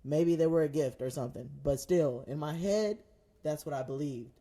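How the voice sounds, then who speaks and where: A man telling a personal story in casual podcast chat, animated and laughing often, with slangy phrasing. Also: a little high, moderate pace. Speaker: podcast co-host.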